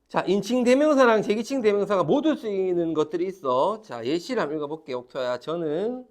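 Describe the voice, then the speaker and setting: A man's voice: high-pitched, animated, fairly quick, a little mellow. A man teaching a grammar class, repeating key terms and calling on students to read. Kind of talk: classroom lecture.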